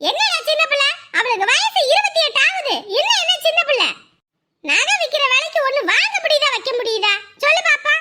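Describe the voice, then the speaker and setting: A woman's voice: very high-pitched, a little fast, heavy background noise. A woman playing a stern middle-aged mother who nags and threatens her grown daughter in a family drama. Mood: scolding. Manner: nagging, threatening, rhetorical questions. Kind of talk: Tamil family web drama.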